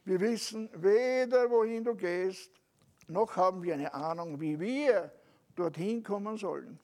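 A man preaching a sermon, emphatic, slowing on stressed phrases and dropping soft at the ends, turning to listeners with rhetorical asides. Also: sits high.

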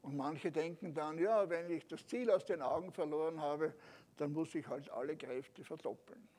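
Preaching with emphasis, a man whose voice is a little high slows on key phrases and lets his endings fall soft. Now and then he addresses listeners with rhetorical asides.

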